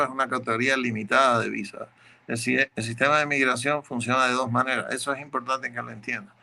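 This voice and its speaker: Bright, gravelly man explaining law. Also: medium pitch. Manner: explanatory, methodical, repeats words while searching. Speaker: immigration lawyer. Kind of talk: answering legal questions.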